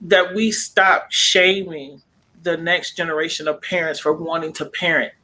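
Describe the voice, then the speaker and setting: Man on a panel, higher voice, fired up and emphatic, keeps acting out what family says. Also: steady tone, unhurried, sharp tone. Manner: passionate, emphatic, acts out relatives' voices. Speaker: panel guest. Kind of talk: panel discussion.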